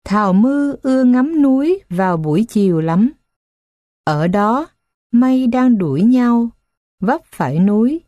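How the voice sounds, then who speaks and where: A woman reading children's stories aloud as scripted narration, with a slow, gentle storybook manner. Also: on the high side, animated, no room sound, muffled recording.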